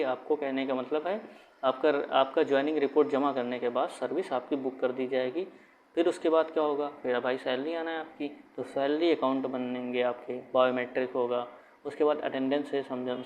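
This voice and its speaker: A man giving an informal explainer for exam candidates, talking conversationally, often repeating himself and restarting his phrases. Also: medium pitch. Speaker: exam guidance YouTuber. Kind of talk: casual explainer talk to camera. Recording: dull lo-fi sound with faint room noise.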